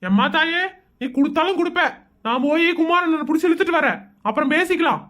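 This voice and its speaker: A woman's voice: very high-pitched, animated, quick pace, a bit bright. A woman voicing a chatty, easygoing young village man in a cartoon, full of jokey banter. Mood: placating. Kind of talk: cartoon voice acting.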